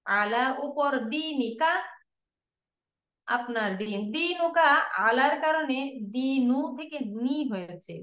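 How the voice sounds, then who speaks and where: A woman with a Bangladeshi Bengali accent teaches an online Arabic lesson, repeating word forms one by one as a drill. Her voice sits fairly high. The room around her sounds echoey.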